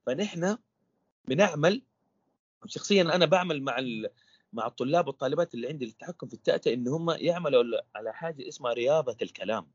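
A man's voice: medium pitch, animated, racing, breathy edge, no room sound, dull audio. A man, a stuttering coach guesting on an interview podcast, explaining in a teacherly way with repeated rhetorical questions.

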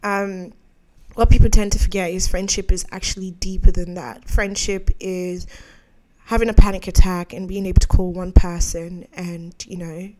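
A woman's voice: lowish voice, warm tone. Young woman podcast host, frank and rambling monologue, laughs easily. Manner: candid, rambling, laughs often.

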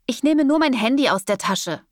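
Lady doing a laid-back cocky young guy, smooth talker, kinda smug, no room sound. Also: high voice, animated, moderate pace, dry recording, clean studio sound, distant mic, pitched above the performer's own voice. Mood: calming. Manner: easygoing, smug and soothing. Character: calm, cocky young man cutting a deal.

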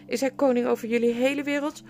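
A woman's voice: high-pitched, little pitch movement, fast, pitched above the performer's own voice. A woman voicing a proud, cruel adult queen in an audiobook, speaking in a haughty, commanding and scornful way. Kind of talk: audiobook character voice. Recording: music playing underneath.

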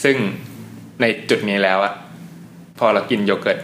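A man co-hosting a casual food podcast, explaining things in an unhurried way. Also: fairly low pitch, a bit bright. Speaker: podcast co-host. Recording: echoey room with faint noise.

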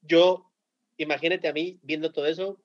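Slangy Mexican teacher telling stories. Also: male voice, on the high side, normal speed. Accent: Mexican Spanish. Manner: animated, slangy, laughing storyteller. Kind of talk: casual podcast storytelling. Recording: dull lo-fi sound.

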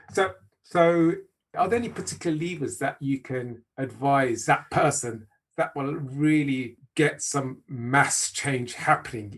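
Slightly husky interviewer, mid-low voice. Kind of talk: conversational interviewing.

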